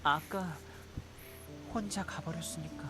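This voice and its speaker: A feverish young man who clings to the one he loves, his voice soft, weak and mumbling as he rushes the words out very fast. It's game voice acting, set over clear background music. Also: fairly high pitch. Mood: weak, clingy.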